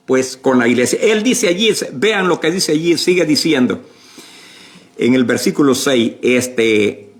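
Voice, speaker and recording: A male pastor preaching a sermon slowly and emphatically, with many fillers and repeated words. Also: a little high.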